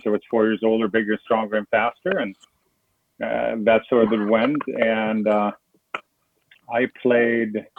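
Man, middle-aged, lowish voice, phone-like audio. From Sweden. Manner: rambling, many fillers and restarts. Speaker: guest, foundation founder. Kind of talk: casual interview over a call. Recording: tinny phone-like line with noise.

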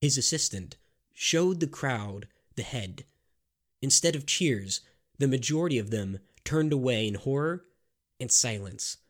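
A man narrating a scripted history story in a measured, grave storytelling manner. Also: medium pitch.

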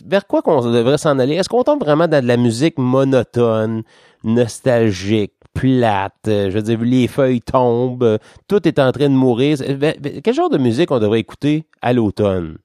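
A man's voice: mid-range voice, lively intonation, moderate pace, mellow, no room sound, studio quality. A man with a Québécois French accent hosting a radio show, chatting casually and joking with a guest. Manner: joking, playful, bouncy intonation.

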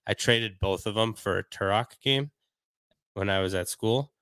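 Casual podcast co-host, young man, low-pitched, easygoing storyteller, dry studio sound. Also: moderate pace, a bit bright, clear, resonant tone, no echo. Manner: laid-back storytelling, laughs often. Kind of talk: casual chat.

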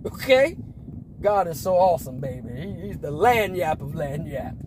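A man in his forties from Las Vegas who talks like a preacher in a relaxed way. He uses slang, laughs often, and sometimes breaks into emphatic shouts. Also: fairly high pitch, normal speed, a little hiss or hum, low-quality recording. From Las Vegas, Nevada, US. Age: 40s. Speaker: preacher and podcast host. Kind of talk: casual preaching talk.

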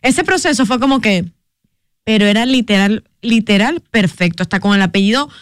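Woman, radio co-host, emphatic, smooth clear voice, dry sound. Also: on the high side, expressive, normal speed, dry recording. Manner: emphatic, addresses listeners directly. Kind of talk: casual studio chat.

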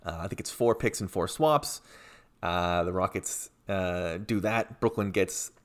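Rambling sports podcast host. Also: male voice, low-pitched, unhurried. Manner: rambling, many fillers and restarts. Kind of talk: casual sports podcast chat.

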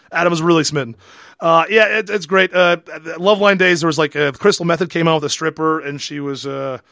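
A man's voice: a little high, steady tone, normal speed, gravelly, sharp tone, dry recording, clean studio sound. A man co-hosting a podcast, telling jokey gossip in casual chat. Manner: joking, gossipy storyteller. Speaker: podcast co-host.

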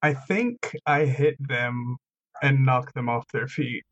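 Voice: medium pitch, slow, lo-fi sound. A player in a tabletop role-playing game, describing his character's actions in a rambling way full of fillers.

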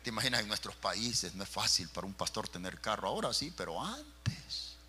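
A man's voice: lowish voice, sing-song, a little fast, pushed and bright, soft background music. A man, a pastor telling a personal story in a fervent, dramatic sermon, calling his listeners brother.

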